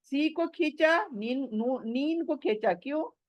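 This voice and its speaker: A woman teaching Quran recitation rules in a patient, repeating manner, drawing out the verses in slow chanted recitation between explanations. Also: sits high, expressive, a little mellow, no room sound, lo-fi sound. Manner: patient, repeats and asks the listener questions. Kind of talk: tajweed lesson mixing Hindi and English.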